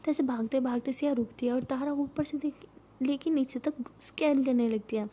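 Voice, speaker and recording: A woman tells a love story in a soft, intimate way, often half-whispering. Her voice is high and mellow with a breathy texture. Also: fairly even intonation, moderate pace. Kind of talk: spoken love-story narration.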